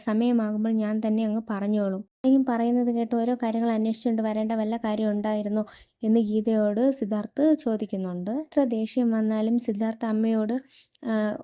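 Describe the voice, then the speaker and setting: Woman narrator, serial recap; monotone delivery, lo-fi sound. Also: fairly high pitch, a little fast, clean tone. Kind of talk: scripted story retelling.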